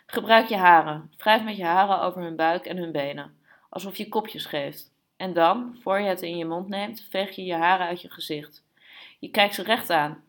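A woman's voice: lowish voice, natural voice. A woman reading aloud, voicing a worldly young woman who speaks frankly and self-assuredly.

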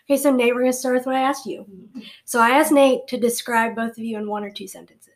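A woman's voice: on the high side, fairly even intonation, fast talker. A young adult woman hosting a podcast, talking in an upbeat, chatty way with frequent fillers. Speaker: podcast host. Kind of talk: casual podcast chat.

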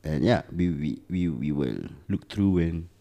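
A man's voice: low-pitched, a little slow, warm tone. A man with a Singaporean accent co-hosting a casual podcast, bantering in colloquial Singlish peppered with Malay slang. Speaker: podcast co-host.

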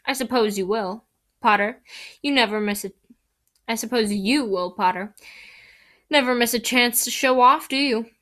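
A woman's voice: on the high side, normal speed, pauses often, pushed and bright. A woman reading aloud, voicing a teenage schoolboy who answers coolly and curtly. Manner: cool, curt. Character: cool, steady teenage schoolboy hero.

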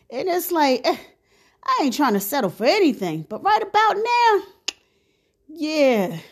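Sassy, animated woman ranting to viewers. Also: high voice. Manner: sassy, blunt, preachy with slang. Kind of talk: casual monologue to viewers.

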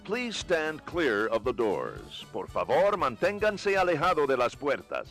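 A man's recorded train door announcement, played over a loudspeaker in a slow, measured, formal way. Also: mid-range voice, wildly swooping pitch, soft background music. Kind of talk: bilingual transit announcement.

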